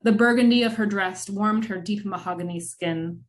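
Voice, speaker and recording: A woman with a medium-pitched voice narrates a scripted film-noir radio drama. Her storytelling is measured and dramatic, laced with wry asides.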